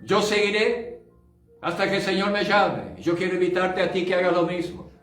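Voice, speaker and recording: A man's voice: high voice, steady tone, moderate pace, fairly bright tone. An older male pastor giving a fervent sermon testimony, dropping in short English asides. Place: church. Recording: roomy church sound, distant mic, faint music.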